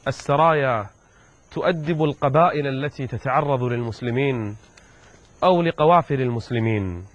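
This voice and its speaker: A man preaching and telling a story dramatically, acting out the scenes with a voice that climbs at tense moments. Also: mid-range voice. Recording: dull lo-fi recording.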